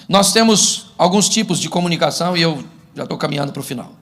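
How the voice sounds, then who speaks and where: A middle-aged Brazilian man, a pastor, preaching a humorous sermon and acting out couples' arguments in an animated way. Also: fairly high pitch, a little fast. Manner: animated, acts out couples' quarrels for laughs.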